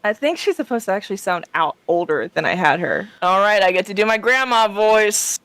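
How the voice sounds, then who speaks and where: Female game master, medium pitch, dry close sound, casual improvised tabletop narration. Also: expressive, fairly quick, a bit bright, dry recording.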